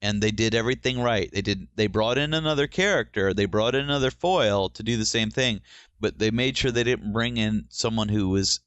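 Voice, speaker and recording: A man with a lowish voice co-hosts a casual podcast chat, giving his opinions at length. The recording is dry and close, with no room sound. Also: brisk, a bit bright, clear, resonant tone, no room sound, muffled recording. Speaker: podcast co-host. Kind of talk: casual chat about TV shows.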